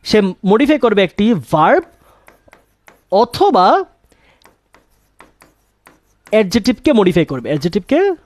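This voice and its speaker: A man's voice: high voice, sing-song, takes it slowly, long pauses, no echo. A young man teaches English grammar to his students, his voice rising and falling a lot as he quizzes them and then answers himself. The sound is dry and close, with no room around it. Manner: asks questions and answers them himself, repeats key words. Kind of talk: classroom-style grammar lesson.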